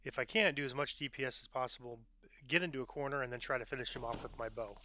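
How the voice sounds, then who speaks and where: Guy narrating his own gameplay, bright voice, thinking out loud, bit of background noise. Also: mid-range voice, quick pace, lo-fi sound. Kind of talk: casual game commentary.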